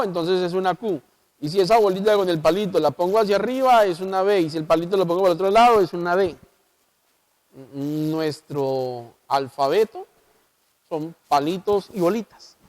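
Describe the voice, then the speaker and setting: A man's voice: high-pitched, normal speed. A man with a Colombian accent, a pastor explaining the Bible on local television, who often puts rhetorical questions to his listeners. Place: local TV studio.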